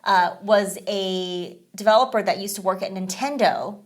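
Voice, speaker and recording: Speaking at a moderate pace in a medium-pitched voice, this gaming podcast co-host keeps the conversation casual. She rambles and chats, dropping in many fillers like "you know."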